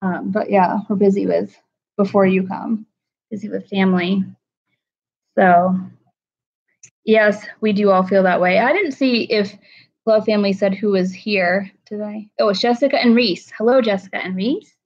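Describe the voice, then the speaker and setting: Greeting people in her chat by name, a woman talks casually to her livestream audience from home. Her middle-range voice is a little mellow and moves at a moderate pace. The recording has the dull, lo-fi sound of a home stream.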